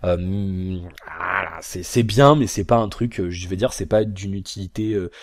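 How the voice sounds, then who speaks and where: A man's voice: low-pitched, measured pace, no room sound. A man casually reviewing a phone on camera at home, rambling and hesitant, with lots of fillers and restarts. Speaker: tech reviewer. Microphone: built-in camera mic, camera resting on a box.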